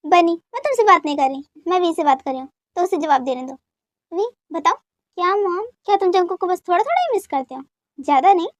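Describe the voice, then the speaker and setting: A woman's voice: very high-pitched, expressive, fast talker, no room sound. A woman voicing a doting middle-aged mother in a fan dub drama who scolds playfully. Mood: scolding.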